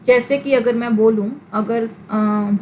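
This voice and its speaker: A woman teaching a class, her voice sitting a touch high. She explains patiently with everyday examples, switching English terms into Hindi. A faint background hiss runs under the recording. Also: steady tone, slow pace, darkish tone, poor audio. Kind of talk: classroom lecture.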